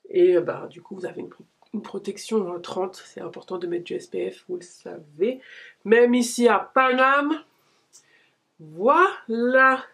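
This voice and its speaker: A woman's voice: medium pitch, a little slow, vocal fry, a bit bright, breathy edge. A woman in her late thirties chatting casually as a beauty vlogger, rambling and slangy while doing her skincare at home. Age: late 30s. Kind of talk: casual vlog chat. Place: home, filmed in natural daylight.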